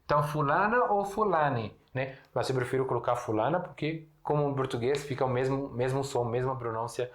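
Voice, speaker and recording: Guy teaching words, easygoing, keeps asking "right?", mid pitch. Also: steady tone. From Syria. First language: Arabic. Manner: explains slowly, writes on a board, checks in with "né?". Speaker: Arabic teacher. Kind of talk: casual language lesson.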